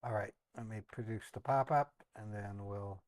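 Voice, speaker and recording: A man's voice: on the low side, steady tone, normal speed, no room sound. A man with an American accent hosting a live stream, talking casually and unhurriedly as he thinks aloud. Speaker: live stream host who calls scammers.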